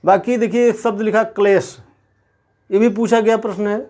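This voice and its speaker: A male teacher with a notably high voice leads an exam-preparation lesson. He explains point by point in a steady way and speaks directly to the viewers. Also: moderate pace. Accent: Hindi. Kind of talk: exam-prep lecture.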